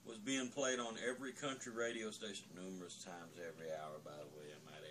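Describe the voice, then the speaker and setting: A man's voice: low voice, flat delivery, fairly quick, a bit bright. Drunk guy rambling through a sweary opinionated rant, bit of background noise. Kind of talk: profane comic rant.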